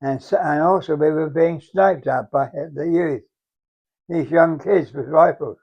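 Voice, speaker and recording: A very old English man, around a hundred, reminisces as a war veteran. His voice sits a little high for a man, and he talks in a halting, reflective way, circling back over phrases. The recording is somewhat dull and muffled. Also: husky. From England. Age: very old, around 100. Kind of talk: unhurried oral-history reminiscence.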